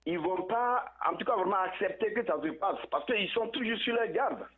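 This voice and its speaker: A man calling in over a poor phone connection, giving political commentary in a halting way and repeating words as he searches for them. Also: sits high. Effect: tinny phone line with poor connection. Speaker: phone-in caller. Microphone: telephone. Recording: tinny phone line.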